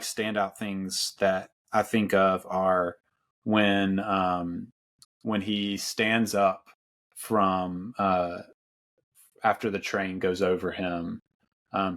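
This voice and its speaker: A man's voice: deep voice, a bit bright. A man hosting a podcast, talking casually about films with many fillers and restarts. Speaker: podcast host. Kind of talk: casual film discussion.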